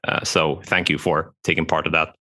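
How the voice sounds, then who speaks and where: A man's voice: a bass voice, flat delivery, moderate pace, pushed and bright, dry recording. A man from Sweden co-hosting a casual podcast, wry and joking, often stumbling and restarting his sentences. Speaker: podcast co-host.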